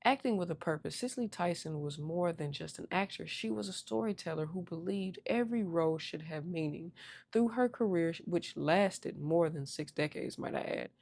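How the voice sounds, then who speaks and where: A woman's voice: lowish voice, a little mellow. A woman hosting an earnest history talk, reading a script to her viewers with small stumbles and self-corrections. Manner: earnest, addresses viewers directly, honorific titles. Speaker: host.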